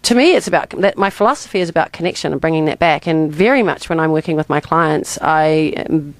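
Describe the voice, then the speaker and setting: A woman's voice: low voice, brisk, dry recording. New Zealand woman in a dry studio. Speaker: interview guest, communication coach. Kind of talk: conversational radio interview.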